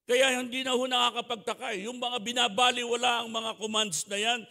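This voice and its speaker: High, gravelly older Filipino preacher. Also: male voice, fairly quick, big-room sound. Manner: animated, switches between storytelling and shouted exhortation. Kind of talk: sermon. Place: church hall.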